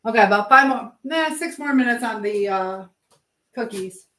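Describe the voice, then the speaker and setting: A woman with a slightly high, expressive voice talks at a moderate pace while busy in her home kitchen, chatting casually and rambling as she thinks aloud. She's a language teacher hosting a livestream, chatting live as she cooks. The room echoes, and background noise is clearly present.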